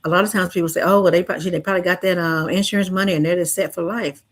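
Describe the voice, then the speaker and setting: A woman speaking gently and earnestly in a heartfelt livestream talk, reassuring listeners like a counselor. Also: lowish voice, steady tone, racing. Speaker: grief counselor and livestream host.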